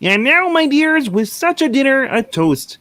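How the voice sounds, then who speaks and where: A man's voice: extremely high pitch, big pitch swings, a little slow, bright, forceful tone, no room sound, heavily acted. A man playing a kindly, affectionate, genial family father in a radio play reading. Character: Bob Cratchit, kindly, gentle family father.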